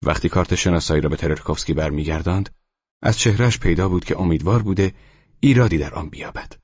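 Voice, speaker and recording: A man narrating an audiobook novel in a measured, even storytelling manner. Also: deep voice, breathy edge, no room sound. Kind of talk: scripted literary narration. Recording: muffled lo-fi audio.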